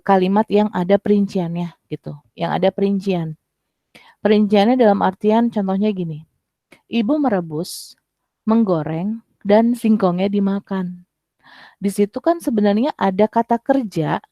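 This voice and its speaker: A woman's voice: on the low side, mellow, dry recording, lo-fi sound. A young woman tutoring an online exam-prep class, explaining step by step and sounding out example sentences.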